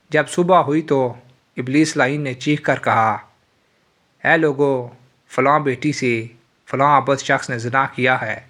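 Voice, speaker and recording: A man narrating a religious moral tale in a solemn, steady storytelling voice. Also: mid-range voice.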